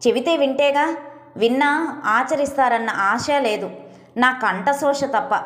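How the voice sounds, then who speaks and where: A woman storyteller puts on an indignant middle-aged wife who scolds her husband in a sharp, reproachful tone. Her voice sits high and carries an echo from the room it was recorded in. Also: a little slow.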